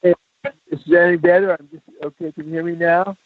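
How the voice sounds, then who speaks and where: A man's voice: fairly high pitch, steady tone, a little fast, a crowd in the background. Man on a faint phone line, down a well. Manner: strains to be heard, asks if he is coming through. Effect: faint, muffled phone line that sounds down a well. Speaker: caller. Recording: tinny, distant, breaking-up phone line.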